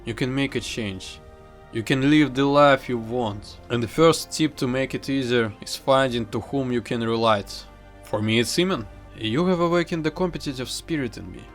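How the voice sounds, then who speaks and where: A young man narrates his own vlog in an earnest, heartfelt tone, clearly reading from a script. His voice sits at an ordinary mid pitch. Soft music plays quietly beneath him. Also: moderate pace. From Kazakhstan. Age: 20s. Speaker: vlogger.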